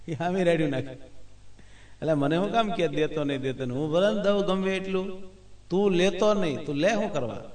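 Preacher in an echoey hall. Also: male voice, a little high, moderate pace, darkish tone. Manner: conversational, asks listeners "understood?". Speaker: religious speaker. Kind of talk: devotional discourse. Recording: echoey room, far from mic.

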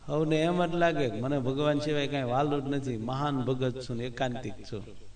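A man's voice: mid-range voice, moderate pace, darkish tone. A man giving a devotional discourse in a conversational way, often checking with listeners whether they understand. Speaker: religious speaker. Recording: echoey room, far from mic.

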